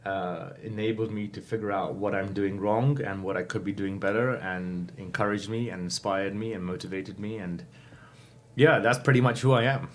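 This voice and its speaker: A man's voice: on the low side, fairly even intonation, normal speed, slight background noise. Thoughtful man in his fifties. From England. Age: 50s. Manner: thoughtful, many fillers, self-correcting. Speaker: guest. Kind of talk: reflective interview answers.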